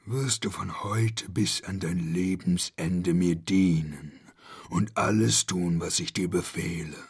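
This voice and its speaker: A man puts on a menacing monster from a lake in a storybook, deep and slow as it lays down orders. The voice sits well below his usual reading voice and drags each word out. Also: breathy edge, full character voice. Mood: commanding. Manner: slow, low and commanding.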